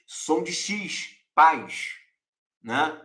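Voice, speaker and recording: A man's voice: a little high, lively intonation, extremely slow, a bit bright, roomy sound. A man from Rio de Janeiro with a Carioca accent, giving a live-streamed Bible lesson and repeating words to demonstrate how they are pronounced. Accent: Carioca Brazilian Portuguese. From Rio de Janeiro, Brazil.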